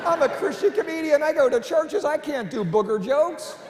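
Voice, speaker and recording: A man's voice: very high-pitched, expressive, moderate pace. A middle-aged man doing family-friendly stand-up comedy, chatty and self-deprecating, on a church stage before a live audience. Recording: live hall with long reverb and faint room noise.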